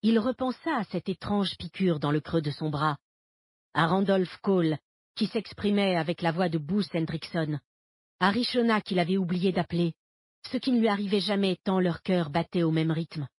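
Woman narrator, audiobook thriller, lowish voice, breathy edge. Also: normal speed, darkish tone, no echo.

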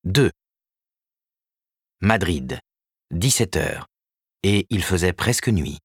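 Husky male audiobook narrator. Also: sits low, dry recording, studio quality. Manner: measured, expressive storytelling, voices each character. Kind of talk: scripted narration.

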